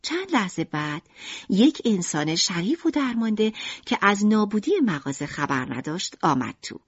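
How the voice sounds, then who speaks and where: A woman narrates an audiobook with expressive storytelling and a lively, wide-moving pitch. Her voice is a little breathy and sits close and dry on the mic. The sound is dull, like a lo-fi recording. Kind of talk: scripted narration.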